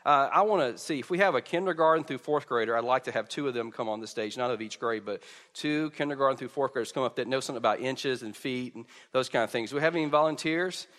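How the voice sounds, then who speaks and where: A man's voice: mid-range voice, quick pace, fairly bright tone. Preacher man in an echoey hall. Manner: informal, stammering with repeated phrase starts. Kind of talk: conversational sermon to a congregation. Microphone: pulpit or stage microphone over PA. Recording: echoey hall with long reverb.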